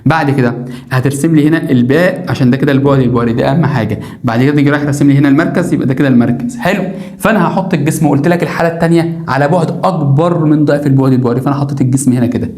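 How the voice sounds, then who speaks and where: A man's voice: medium pitch, very fast, darkish tone, reverberant. A male science teacher with an Egyptian Arabic accent, explaining a lesson emphatically, repeating key words and asking the viewer questions. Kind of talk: classroom lesson explaining diagrams.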